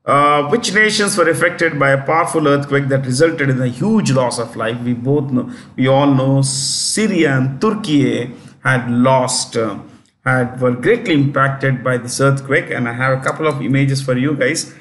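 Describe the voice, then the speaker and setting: A man's voice: medium pitch, normal speed, a bit bright. A man with an Indian English accent teaching a current affairs lesson in a chatty way, often correcting himself and spelling words out.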